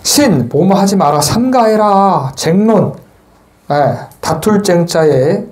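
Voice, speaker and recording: Joking monk giving a temple sermon. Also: male voice, on the high side, lively intonation, slow. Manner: chatty and joking, teases the listeners, shouts chants to demonstrate. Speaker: Buddhist monk giving a Sunday dharma talk. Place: temple hall with listeners.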